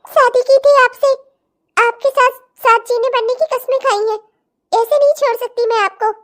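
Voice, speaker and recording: A woman voicing a patient, devoted young wife in a cartoon drama, pleading and gently insistent. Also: extremely high pitch, steady tone, moderate pace. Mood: earnest. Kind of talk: cartoon voice acting.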